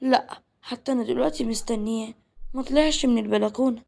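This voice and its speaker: A woman's voice: a little high, quick pace, creaky, mellow. A woman voicing a young Egyptian woman who complains that her fiancé ignores her. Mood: worried, complaining. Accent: Egyptian Arabic.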